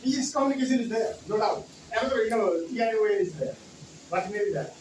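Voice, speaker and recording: A man with a Nepali accent gives a conference talk about teaching English, repeating key words and saying "you know" a lot. He has a high voice and speaks fast. The noisy recording was made from far off in a roomy hall.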